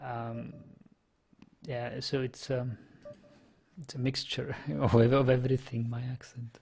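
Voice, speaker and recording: Slow and creaky, his medium-pitched voice barely moves in pitch and sounds a little mellow and slightly rough. He's a young native Czech speaker from the Czech Republic, Czech-accented, thinking aloud in casual commentary on his online poker and chat, hesitant and full of fillers.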